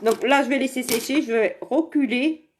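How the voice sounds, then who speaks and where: A woman's voice: high-pitched, moderate pace, background noise. Chatty woman streaming from a phone. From Saint-Étienne area, France. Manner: chatty and rambling, laughs often, talks to viewers by name. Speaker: direct seller presenting makeup products. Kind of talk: casual live makeup demonstration. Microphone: phone camera in front of her.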